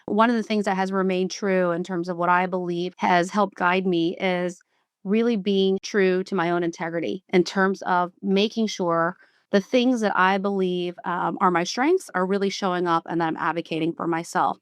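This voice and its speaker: A woman's voice: on the low side, steady tone, moderate pace, clear, resonant tone, no echo. A woman in her fifties from South Carolina with a Southern US accent, speaking reflectively and with frequent restarts as an executive guest on an interview podcast.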